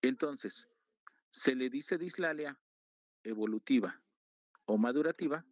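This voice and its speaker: Slow, deliberate male teacher lecturing. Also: mid-range voice, dry recording. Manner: slow, deliberate, repeating key terms. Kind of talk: lecture to students. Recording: slightly dull, dry lo-fi recording.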